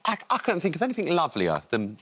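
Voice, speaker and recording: A man's voice: on the high side, wildly swooping pitch, fast talker, fairly bright tone. A man hosting a chatty live interview in a jokey, effusive way. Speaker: host.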